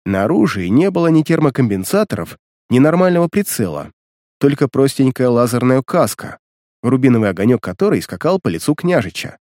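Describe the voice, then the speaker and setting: A man's voice: mid-range voice, fairly quick, no echo, clean studio sound. Man reading an audiobook expressively. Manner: expressive storytelling. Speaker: audiobook narrator. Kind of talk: audiobook narration.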